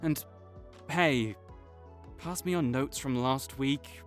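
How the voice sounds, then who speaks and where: A young man with a mid-range voice plays a prickly academic rival who is grudgingly kind, speaking slowly with light acting over faint music. In this audio roleplay he bickers with a silent listener, teasing and defensive by turns.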